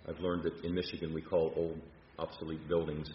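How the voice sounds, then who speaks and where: A man, a university leader, delivering a measured prepared speech with occasional fillers and restarts, from a podium in a large hall. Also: extremely low pitch, level tone, a little hiss or hum. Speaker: university president. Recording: roomy, dull hall recording.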